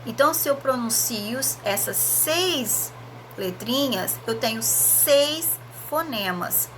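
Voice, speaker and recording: A Brazilian woman teacher records a lesson for her students. She speaks slowly and carefully in a bright, rather high voice. She sounds out letters one by one and keeps checking in with short tag questions, with faint ambient noise behind her. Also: animated.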